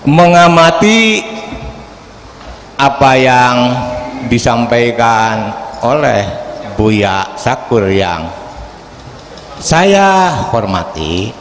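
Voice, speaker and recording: A man in his sixties asks a question at a religious gathering, in a formal, animated way that rises to loud, emphatic bursts. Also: mid-range voice, extremely slow, pauses often. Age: 60s. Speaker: audience member asking a question. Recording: echoey hall with faint background hiss.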